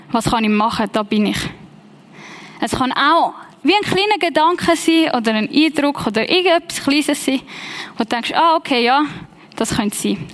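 Swiss German woman, young, high voice, chatty sermon storyteller, mixes in English. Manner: lively, personal, conversational storytelling with English phrases. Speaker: preacher.

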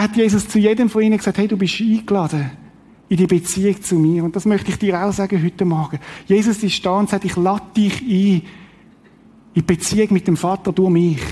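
A man's voice: sits high, a little mellow. A man preaching a sermon, reading scripture and speaking directly and earnestly to the congregation. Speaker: pastor.

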